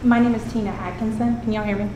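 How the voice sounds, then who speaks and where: A woman with a thin, squeaky, fairly high voice gives public comment at a meeting. She is informal, earnest and a bit nervous. The recording is echoey, with clear noise behind her. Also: fairly even intonation, quick pace. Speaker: elementary school art teacher. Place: indoor public meeting room.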